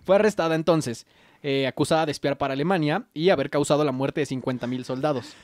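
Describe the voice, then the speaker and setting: A man's voice: fairly high pitch, fast, a little mellow, dry recording, studio quality. A young man with a Mexican accent telling a history story in a casual podcast chat. He jokes and slips into slangy voices for the people in it. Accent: Mexican Spanish. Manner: joking, slangy, acts out characters while narrating.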